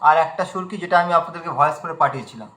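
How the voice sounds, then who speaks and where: A man with a high, bright voice teaching recitation over a video call. He stretches each demonstrated word out slowly and keeps checking that his students follow. The sound has a roomy echo. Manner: patient, repeats words very slowly to demonstrate; often checks understanding with a question. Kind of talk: online class teaching.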